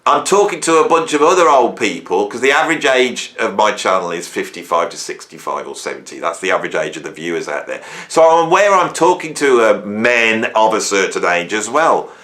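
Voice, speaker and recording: Speaking fairly quickly with few pauses, this fifty-something man has a lowish, sing-song, somewhat bright voice. He runs a YouTube music channel and reflects solo to the camera in a rambling, self-questioning manner, frequently adding "right?".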